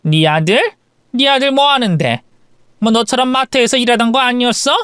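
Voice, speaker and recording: A man's voice: very high-pitched, normal speed, a bit bright, smooth, dry recording, clean studio sound. A man voicing a sneering, mocking middle-aged woman bully in a story radio drama. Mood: scornful. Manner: mocking, cackling.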